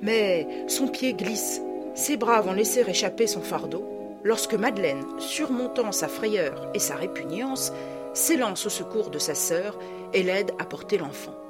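A woman narrating a classic children's storybook in a measured, expressive reading. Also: medium pitch, loud music behind the voice. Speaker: audiobook reader.

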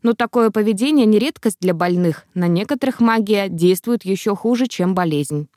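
Woman audiobook narrator, first person, wry and expressive; dry read. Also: mid-range voice, moderate pace, no room sound.

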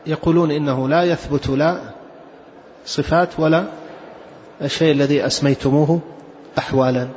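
A man's voice: on the high side, a little mellow. A male scholar giving a classroom lecture on a theology text, reading quoted passages and then explaining them, often asking the class questions. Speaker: Islamic scholar teaching a text. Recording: dull lo-fi lecture recording with faint background noise.

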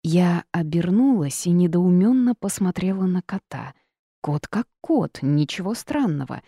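A woman reading a first-person audiobook with lively, wry storytelling. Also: on the low side, a little slow, breathy edge, no room sound, clean studio sound. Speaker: audiobook narrator.

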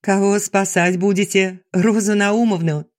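A man's voice: high voice, fairly even intonation, a little slow, voice pushed up. A man reading an audiobook, voicing a sly young female student who teases and mocks her friends. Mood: teasing. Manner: teasing, mocking.

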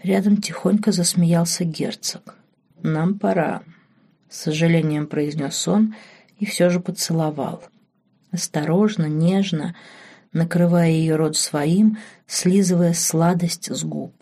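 A woman narrating a romance novel audiobook in a measured, softly expressive way. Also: lowish voice, breathy edge.

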